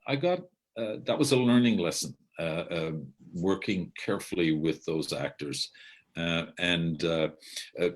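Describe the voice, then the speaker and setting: A man's voice: low voice, slightly rough. An older man, a theatre director, telling stories from his career in a rambling way, with frequent restarts and casual swearing. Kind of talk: rambling reflective monologue.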